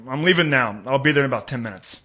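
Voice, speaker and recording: A man's voice: medium pitch, expressive, quick pace, pushed and bright, slight background noise. An actor playing a weary, wisecracking hard-boiled private detective who narrates his own case. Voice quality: sardonic, weary. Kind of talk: noir detective narration and dialogue.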